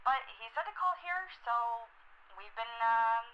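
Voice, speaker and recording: Anxious mother, high voice. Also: lively intonation, unhurried. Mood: hesitant worry. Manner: hesitant, anxious. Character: worried mother calling for medical help. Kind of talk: scripted phone-call voice acting in a game. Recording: dull, noisy telephone line.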